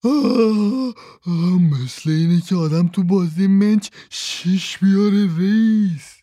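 A clumsy, nervous crook who stumbles over his words and drags them out slowly, as a storyteller puts him on. The voice is mellow and muffled, set back from the mic in a dry sound. His bluster never hides how jumpy he is. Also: mid-range voice, steady tone, no room sound, lightly acted. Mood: gleeful. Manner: stammering, drawn-out. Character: clumsy male thief, jittery and boastful.

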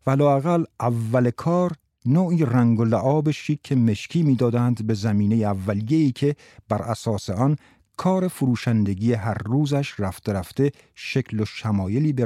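A man reading a novel aloud as narrator at a measured, even storytelling pace. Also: medium pitch, dry recording, clean studio sound. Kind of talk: audiobook narration.

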